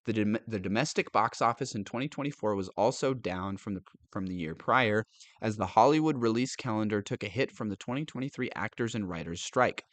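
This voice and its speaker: A man's voice: on the low side, brisk, no room sound. A male commentator reading news aloud and reacting with sarcastic disbelief, laughing often and stumbling over words.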